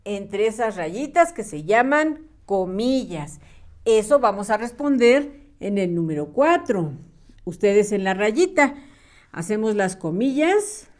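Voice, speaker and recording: A woman teaching young children to read and write, patient and clear, drawing out her words in a sing-song way. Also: medium pitch, very animated, slow, a little mellow. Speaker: primary school teacher. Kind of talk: slow, clear early-reading lesson for small children.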